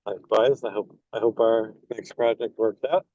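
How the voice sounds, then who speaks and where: A man with a mid-pitched, dark, relaxed voice speaks casually to a group. The call audio is dry and slightly dull. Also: moderate pace, dry recording. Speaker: meeting participant, pavement broker. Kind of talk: casual introduction and tips.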